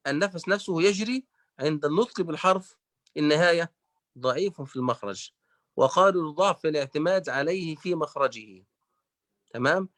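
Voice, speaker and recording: A man's voice: fairly high pitch, a bit bright, no room sound. A man teaching Quran recitation, who leaves words unfinished for the listeners to fill in and drills each letter sound over and over. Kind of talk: online tajweed lesson.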